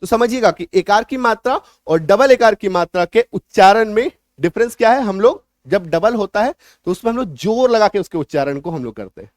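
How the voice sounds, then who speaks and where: A man teaching a spoken lesson to learners, repeating points, checking that they understand and stressing example words loudly. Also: high-pitched, animated, brisk, hardly any pauses, dry recording, clean studio sound. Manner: repetitive, coaxing teacher talk that checks the listener understands. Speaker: English teacher.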